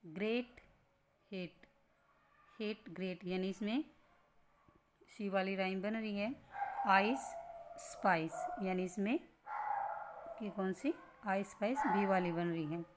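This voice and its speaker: A woman teaching a lesson. She explains slowly and patiently, repeating points and asking rhetorical questions. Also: mid-range voice, a little mellow, slight background noise.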